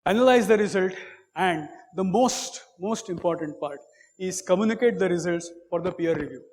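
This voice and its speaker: Recorded in what sounds like a large room, a high-pitched man with an Indian English accent lectures academically as a professor. He speaks in a measured, repetitive way, leaning on lots of fillers and a frequent "okay".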